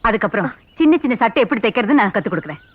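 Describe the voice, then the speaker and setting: A woman's voice: on the high side, expressive, very fast, no room sound. An actress playing a strict, bossy landlady in a comic film, with a tinny, dry soundtrack. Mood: kindly. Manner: bossy, commanding.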